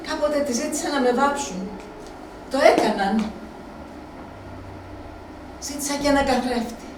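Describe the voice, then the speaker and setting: A woman's voice: fairly high pitch, slight background noise, natural voice. An actress performing a live stage monologue as an aging Helen, a faded proud woman alone, brooding, weary and bitter. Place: small theatre space. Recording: echoey room from far off.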